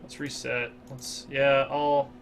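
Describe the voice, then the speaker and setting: Hosting a strategy game playthrough, an American man talks slowly and flatly at a medium pitch, with vocal fry in his voice. He thinks out loud in a relaxed way, filling gaps with fillers, and there's slight background noise.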